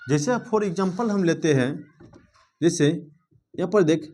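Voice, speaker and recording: A man's voice: a little high, takes it slowly, a little mellow. A man teaching a grammar lesson to students, asking them questions and checking in again and again with the class.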